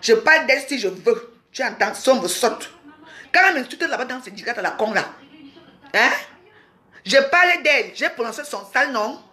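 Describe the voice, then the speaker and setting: A woman's voice: on the high side, expressive, brisk, pushed and bright. A woman from Cameroon, ranting angrily on a home live stream, scolding and repeating herself. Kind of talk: angry live-stream rant. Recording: roomy echo.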